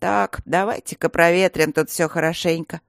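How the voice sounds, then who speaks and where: A narrator voicing a brisk, scolding middle-aged married nurse in an audiobook. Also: mid-range voice, fairly even intonation, vocal fry, dry recording, clean studio sound, close to an everyday voice. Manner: loud, scolding, matter-of-fact. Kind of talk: audiobook character reading.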